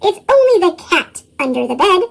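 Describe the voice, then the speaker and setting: A storybook narrator whose voice is run through a sped-up chipmunk effect, reading a tale aloud with lively chuckles in the dialogue. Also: normal speed, vocal fry. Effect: sped-up, pitched-up chipmunk voice.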